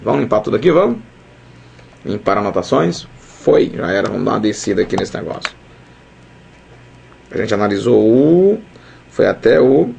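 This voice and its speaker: A man teaching a grammar lesson at a whiteboard, lively and chatty, often checking in with his students. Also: fairly low pitch, gravelly, breathy edge.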